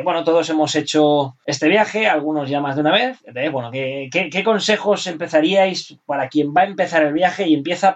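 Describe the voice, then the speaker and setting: A man's voice: fairly high pitch, recorded from a distance, highs cut off. A man with a Spain Spanish accent casually hosting a hobby podcast, repeating phrases as he steers the talk. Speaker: podcast host.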